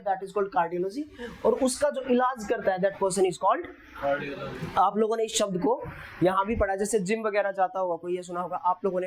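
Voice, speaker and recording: A woman's voice: medium pitch, a little mellow, slight background noise, poor audio. Teacher woman quizzing her class. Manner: asks the class questions and answers them herself; reads English example sentences slowly. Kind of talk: classroom vocabulary lecture.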